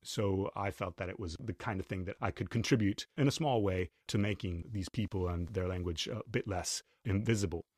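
A man from Chile, a linguist, answering interview questions in a measured, academic way. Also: low-pitched, darkish tone, dry recording, studio quality.

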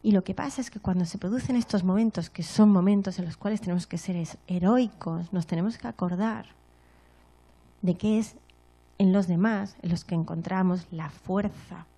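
With a husky voice on the low side and a moderate pace, a woman delivers a motivational talk to an audience. Her storytelling features lively acted-out moments and frequent short tag questions to check in with listeners.

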